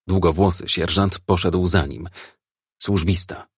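A man narrates a crime novel in a low, husky voice with a steady, measured reading. The sound is close and dry, with no room around it. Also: no room sound.

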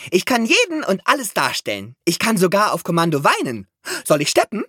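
A man's voice: a little high, wildly swooping pitch, normal speed, fairly bright tone, husky, no echo, clean studio sound, pitched above the performer's own voice, heavily acted. A man doing a bubbly, showy young mouse girl. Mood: playful. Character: cheeky young female mouse who loves acting.

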